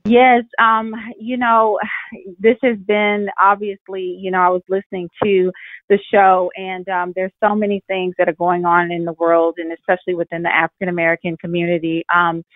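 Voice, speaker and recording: A woman's voice: on the low side, little pitch movement, normal speed, no echo. Woman on a tinny phone line. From Fort Worth, Texas. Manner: reflective, many fillers and restarts. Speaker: film director guest. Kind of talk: interview over a phone line.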